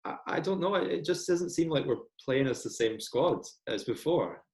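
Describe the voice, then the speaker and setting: A man's voice: a little high, expressive, moderate pace, a little mellow, echoey room, poor audio. A young Scottish man talking casually as a podcast guest, chatty and self-deprecating with lots of ums. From Scotland. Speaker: guest football fan.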